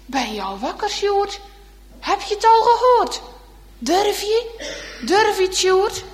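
Woman voicing a gentle caring mother. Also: extremely high pitch, big pitch swings, takes it slowly, voice pushed up, full character voice. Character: calm caring wartime mother. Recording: echoey hall reverb.

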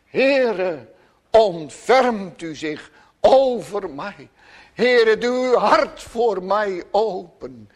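A man doing a blind beggar crying for mercy, high voice, slow drawn-out pleading, sermon. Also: lively intonation, exaggerated voice.

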